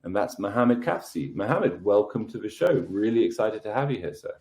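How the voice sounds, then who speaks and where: A man's voice: on the low side, expressive, brisk, darkish tone. A man hosting a podcast, friendly and enthusiastic as he talks with his guest. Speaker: podcast host. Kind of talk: casual podcast interview. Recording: roomy echo.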